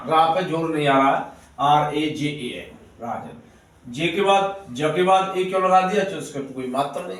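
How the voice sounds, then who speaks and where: A man teaching children a spelling lesson, explaining slowly and patiently and repeating his points. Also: on the high side. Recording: very echoey room, voice distant from mic.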